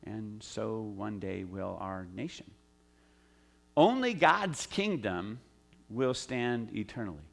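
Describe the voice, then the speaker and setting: A man's voice: lowish voice, big pitch swings, slow pace, creaky. A middle-aged man from the United States, a pastor giving a sermon in a conversational way, with asides and frequent "uh" fillers.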